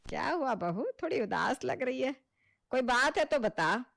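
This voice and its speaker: A woman's voice: sits high, expressive, measured pace, creaky, a bit bright, exaggerated voice. A woman voicing an older, caring but gossip-prone mother-in-law in a cartoon story. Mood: concerned.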